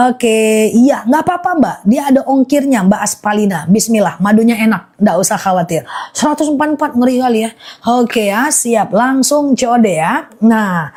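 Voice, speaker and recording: A woman selling honey on a live stream, reading viewer comments aloud and repeating prices and reassurances in a brisk, repetitive way. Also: on the high side, darkish tone.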